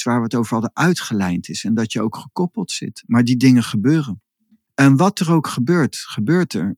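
Guy on a podcast, slow thoughtful talk about spiritual stuff, middle pitch, dry close sound. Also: darkish tone, dry recording. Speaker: podcast host. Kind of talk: casual podcast conversation.

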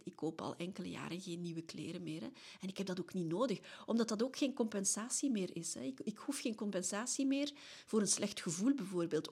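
A middle-aged woman speaks with a Flemish accent, her voice a little husky and breathy at the edges. She talks earnestly in a reflective solo podcast monologue. She keeps tagging her phrases with a soft questioning check-in. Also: mid-range voice. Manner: earnest, often ends phrases with a questioning tag. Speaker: podcast host.

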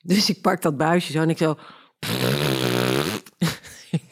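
Low-voiced Flemish woman telling a story. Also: very slow. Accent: Flemish Belgian. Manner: animated, sarcastic, laughs at own story. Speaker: podcast host. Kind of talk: casual storytelling.

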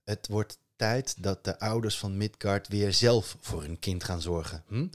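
A man's voice: on the low side, measured pace, close to an everyday voice. A man voicing a stern, weary chief god.

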